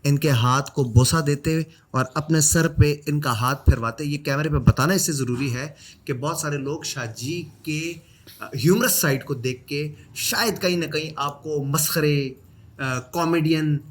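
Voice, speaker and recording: Slightly high-voiced male podcast host. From Pakistan. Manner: measured, builds long questions. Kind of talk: podcast interview.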